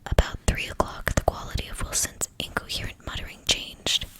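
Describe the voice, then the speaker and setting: A woman reading a novel aloud as ASMR in a hushed, breathy whisper. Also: a little fast. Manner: hushed, fully whispered narration.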